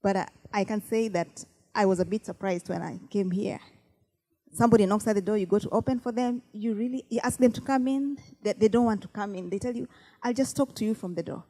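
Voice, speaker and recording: Earnest Kenyan-born woman, mellow voice. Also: mid-range voice, brisk. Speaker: panel guest. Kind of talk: panel discussion.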